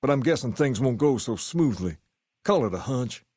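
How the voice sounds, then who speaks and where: A man playing a self-assured, folksy gang boss in a video game, with a Southern US accent and a measured way of talking. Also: medium pitch, animated, a little mellow, slightly rough, no echo, clean studio sound. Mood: wry, businesslike. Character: charismatic, folksy male gang boss styled on a rock-and-roll idol. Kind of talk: video game character dialogue.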